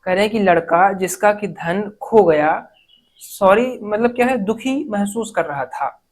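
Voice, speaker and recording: A woman teaching an exam-prep grammar lesson, reading English sentences slowly word by word and then explaining them. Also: mid-range voice, low-quality recording.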